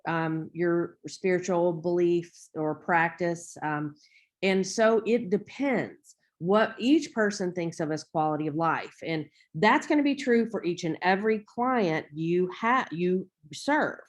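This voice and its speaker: A woman's voice: on the low side, takes it slowly. An American woman giving an informal online lecture in a rambling, conversational way, often interrupting herself with asides. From United States.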